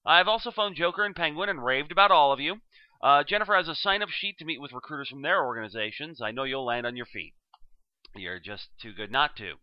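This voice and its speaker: A man's voice: on the high side, animated, brisk, dry recording, lo-fi sound, lightly acted. A man performing a comic dramatic monologue as an aging, sentimental supervillain, with florid, genteel, theatrical phrasing. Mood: apologetic, reassuring. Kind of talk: dramatic comic monologue reading, addressed as a staff speech.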